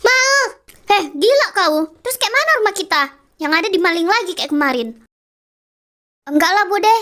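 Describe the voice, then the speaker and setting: A woman voicing two brash, squabbling young sisters in an animated game story. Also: very high voice, normal speed, exaggerated voice. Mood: bickering. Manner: blunt, teasing, bickering.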